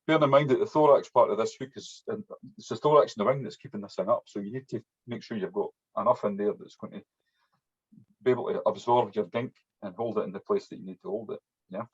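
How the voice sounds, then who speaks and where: Here a fly-tying instructor talks quickly, his fairly low voice carrying a breathy edge. He has a broad, strong Scottish accent and a chatty, informal style as he demonstrates by hand, frequently adding "yeah" to his sentences. Sound quality is lo-fi, dull and muffled.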